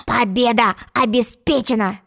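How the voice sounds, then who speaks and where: A woman reading a storybook, voicing a stubborn, boastful little boy who grumbles slowly. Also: fairly high pitch, fairly even intonation, gravelly, fairly bright tone, full character voice. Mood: grumbling.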